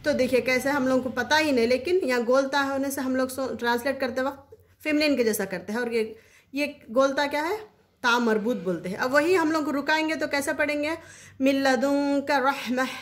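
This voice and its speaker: A woman's voice: high-pitched, brisk. Woman teaching, repeating key terms. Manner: repeats key terms, asks listeners to remember. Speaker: teacher of Quranic Arabic grammar. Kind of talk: casual explanatory lesson.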